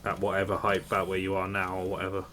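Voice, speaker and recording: Low-voiced man hosting a casual game stream. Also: completely flat delivery, fast, sharp tone. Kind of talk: casual gameplay commentary. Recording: clear background noise.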